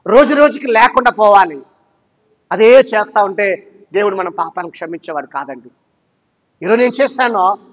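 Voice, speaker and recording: A man's voice: high-pitched, a bit bright. A man, a pastor, preaching a sermon to his congregation, emphatic and full of rhetorical questions. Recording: long reverb of a hall.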